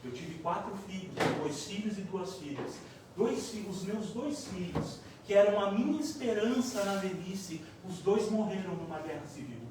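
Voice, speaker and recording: A man voicing a loving, motherly female spirit, speaking softly and low in an echoey hall. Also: expressive, moderate pace, recorded from a distance, background noise, lightly acted. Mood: tender.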